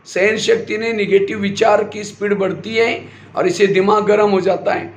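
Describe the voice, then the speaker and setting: Male spiritual teacher, high voice, quizzes the audience and answers himself, echoey hall. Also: fairly even intonation, normal speed, lo-fi sound. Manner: asks the audience questions and answers them himself. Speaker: spiritual teacher giving a class. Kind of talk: sermon-style spiritual class. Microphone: handheld or stand mic. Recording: echoey hall with faint noise.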